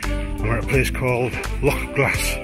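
A man's voice: mid-range voice, fairly even intonation, moderate pace, music in the background, poor audio. A middle-aged man with a Teesside accent, chatting casually and a bit out of breath while hiking and filming a photography vlog. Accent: Teesside English. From Teesside, England. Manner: chatty, self-deprecating, rambling asides. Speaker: photographer vlogger. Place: outdoors on a windy highland lochside trail. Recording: wind noise outdoors.

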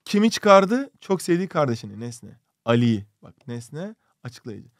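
A man's voice: medium pitch, very animated, normal speed, no room sound, studio quality. A male teacher giving an online exam-prep grammar lesson, explaining step by step and asking rhetorical questions. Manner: reads out student questions from cartoons.

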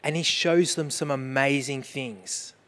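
A man's voice: mid-range voice, a little slow, a bit bright. A man preaching a sermon as pastor, earnest, mixing questions to the congregation with personal storytelling about grief.

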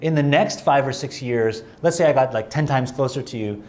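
This is a man giving a sermon in a mid-pitched voice. He swings between emphatic, rising declarations and a relaxed, joking tone. He often restarts his phrases as he talks. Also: fairly quick. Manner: conversational with self-deprecating humor. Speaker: preacher.

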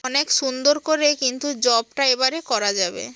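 A woman vlogging her household day in a gentle, chatty way, talking straight to her viewers while she works at home. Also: sits high, normal speed, smooth, no echo. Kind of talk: casual devotional home vlog narration. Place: home kitchen.

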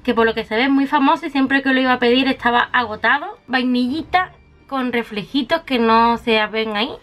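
A brisk, high-voiced beauty vlogger runs through her makeup haul, affectionate and chatty, sprinkling diminutives over every item she holds up. There's faint music playing quietly underneath.

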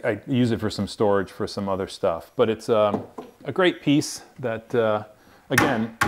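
A man in his forties giving a casual, rambling tour of his garage woodworking shop, with lots of fillers and restarts. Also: fairly low pitch. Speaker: woodworking channel host. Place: two-car garage workshop.

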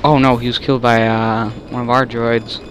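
A man's voice: mid-range voice, level tone, normal speed, background noise. A young man giving casual, rambling commentary while playing a video game, often stopping mid-sentence to react. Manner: rambling, self-interrupting, easily exasperated. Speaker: gamer.

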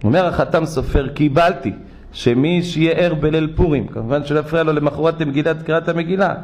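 Animated rabbi preaching, slightly high voice. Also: male voice. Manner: animated storytelling, acting out voices; rises to loud exhortation. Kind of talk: sermon. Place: synagogue.

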